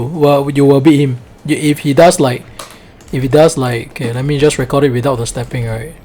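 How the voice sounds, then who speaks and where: A man's voice: on the high side, a little mellow. A man with a Singlish accent, coaching a fighting game in a casual, colloquial way and often checking with "right?".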